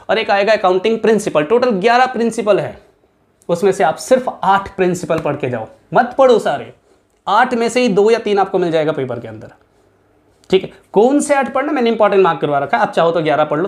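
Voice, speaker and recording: A male accounts teacher giving students an emphatic exam-prep lesson, repeating key points and mixing English terms into his speech. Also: high voice.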